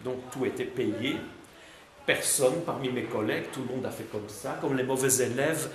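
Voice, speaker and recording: Before a high school class, a Belgian guest answers students in loose, unscripted talk, his mid-range voice at a moderate pace, chatty but full of fillers and restarts. A crowd can be heard behind him in the echoey, noisy room.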